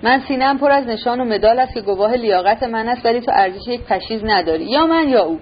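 A woman's voice: fairly high pitch, lively intonation, husky. Woman doing a raging proud old general. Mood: furious. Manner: shouting, indignant. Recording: slightly dull recording, faint hiss.

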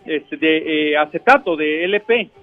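A man with a Mexican accent, a chef on radio, explaining and chatting casually in a halting way. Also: a little high, narrow, tinny audio, soft background music. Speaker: chef giving radio cooking tips.

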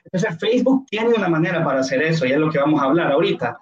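Guy, casual co-host, slightly high voice, loves analogies; dull roomy recording. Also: expressive, very fast. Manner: chatty, explains with analogies, acts out little scenes. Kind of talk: casual podcast talk. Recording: roomy, dull lo-fi sound with faint music.

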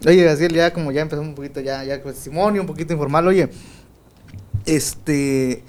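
A man with a soft, boyish voice that sits fairly high for a man. He chats casually in a small home studio, circling his points with fillers and breaking into laughs. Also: fairly quick. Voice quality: light, boyish voice. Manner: laughs often, rambling with many fillers. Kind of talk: casual chat.

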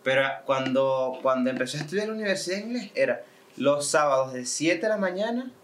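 A man's voice: fairly high pitch, expressive, a little fast, a little hiss or hum. A man, co-hosting a casual podcast and chatting reflectively, often restarting his sentences. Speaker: podcast co-host. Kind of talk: casual chat.

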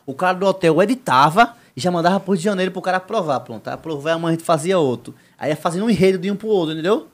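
Guy, high voice, rapid-fire storyteller, animated. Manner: excited, animated retelling with slang. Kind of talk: casual chat, storytelling.

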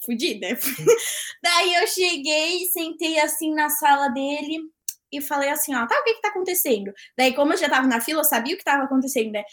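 A young woman guesting on a podcast tells a story in casual chat, high-pitched and fairly quick. She's animated, acting out the dialogue and laughing often.

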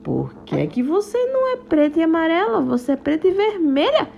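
A clever little boy bee, as a woman storyteller puts him on, quick to doubt and to crow when he is right. His lines swing high and low with a gravelly grain. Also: wildly swooping pitch, highs cut off, a little hiss or hum, exaggerated voice. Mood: suspicious. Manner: questioning, teasing, triumphant. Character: clever, suspicious young male bee.

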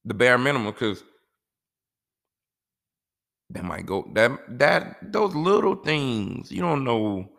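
A man's voice: medium pitch, sing-song, slow, gravelly, long pauses, a bit bright. A man talking casually and giving life advice in a laid-back, rambling way, often saying "you know".

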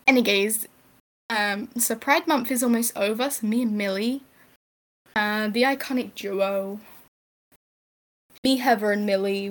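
Crude, joking young woman, slow drawl. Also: mid-range voice. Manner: crude, joking, swears freely. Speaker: podcast co-host. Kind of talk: casual chat. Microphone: online voice chat.

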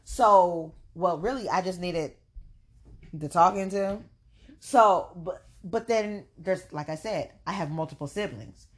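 A young adult woman co-hosting a casual podcast chat, talking in an animated, emphatic way. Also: on the low side, measured pace. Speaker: podcast co-host.

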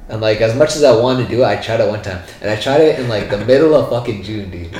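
This man in his 20s was born in India and raised in Brampton, Canada, by a Punjabi-speaking family, and he chats casually in a rambling, slangy way packed with "yo" and "bro." His voice is on the low side and a little mellow, and he talks fast. The recording has a roomy echo and faint background noise.

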